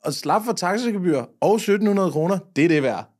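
A young adult man hosting a podcast, telling stories in a relaxed, jokey way. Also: high voice. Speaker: podcast host. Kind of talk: casual podcast chat.

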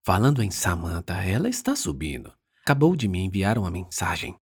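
A middle-aged wife presses her husband with questions, a little reproachful, as a male narrator voices her. The voice stays low and husky in this audiobook reading. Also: very animated, fairly quick, heavily acted. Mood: questioning. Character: middle-aged wife and mother, probing and worried.

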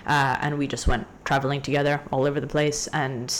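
A young woman from Hong Kong telling a story in a casual podcast chat, ranty and animated. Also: very deep voice, brisk. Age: young adult. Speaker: guest.

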